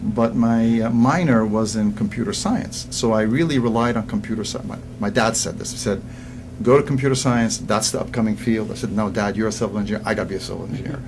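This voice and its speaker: A man in his sixties from Egypt, a guest business coach in a casual interview, telling stories with lively restarts and repeated words. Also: lowish voice, fast talker, background noise. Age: 60s. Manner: animated storyteller who repeats words when starting sentences.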